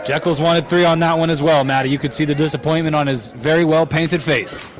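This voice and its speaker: A man's voice: a little high, fairly even intonation, fairly quick, background noise. A man giving emotional, exclamatory wrestling color commentary like a partisan fan reacting live. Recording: loud music behind. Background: music.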